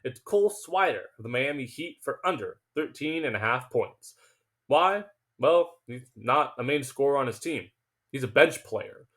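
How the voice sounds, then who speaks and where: A man's voice: medium pitch, moderate pace. A man hosting a sports betting picks video, talking emphatically and confidently, sometimes tripping over his words. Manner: emphatic, confident, self-assured; stumbles and restarts when excited. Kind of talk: casual betting picks monologue.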